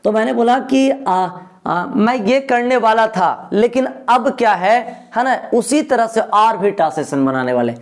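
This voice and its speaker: A man leads a grammar lesson, spelling out each formula at an unhurried, deliberate pace. His voice sits fairly high, and he often pauses to ask his students if they follow. He livens the lesson with playful rhyming asides. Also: expressive. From Gaya, Bihar, India. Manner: slowly dictates formulas, keeps asking "correct?", rhyming asides. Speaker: English teacher. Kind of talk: Hindi-medium grammar lesson.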